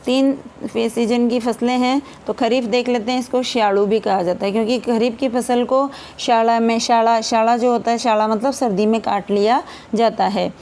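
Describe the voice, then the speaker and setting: A woman teacher gives a fast revision lesson for an exam, calling her viewers friends and asking and answering her own questions. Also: a little high, fairly even intonation, darkish tone, a little hiss or hum.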